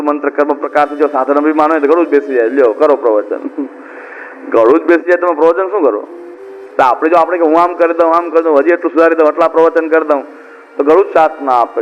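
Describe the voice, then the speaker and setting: A man's voice: fairly high pitch, in a large hall. A middle-aged man giving a devotional discourse as a preacher, talking in a conversational way and repeating points for emphasis. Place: discourse hall at a religious camp. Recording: dull lo-fi with faint hiss.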